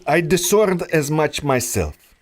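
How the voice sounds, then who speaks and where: Brief: man voicing a slow, silky radio-serial villain doctor, higher-pitched, sweeping up and down when he talks. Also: big pitch swings, exaggerated voice. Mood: condescending. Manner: silky, menacing, drawn-out delivery. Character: scheming foreign male villain doctor, smooth and manipulative. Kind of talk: old-time radio drama acting.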